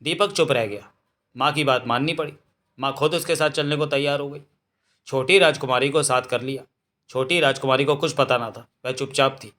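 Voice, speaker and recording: A man reading a novel aloud as narrator, in a steady storytelling manner, correcting an occasional slip. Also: mid-range voice, normal speed.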